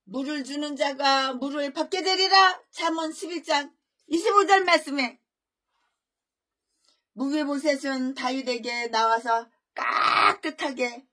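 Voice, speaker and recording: High bright-voiced woman pastor preaching. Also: slow pace, pauses often. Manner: repeats and restarts words, swings between loud emphatic peaks and low asides. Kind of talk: expository sermon.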